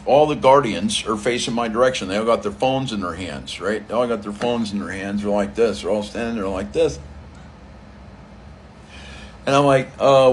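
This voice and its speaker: A man's voice: lowish voice, slight background noise. A man who works as a club DJ, telling a long story in a rambling casual way, repeating phrases and acting out what people said. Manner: rambling, repeats phrases, acts out quoted dialogue.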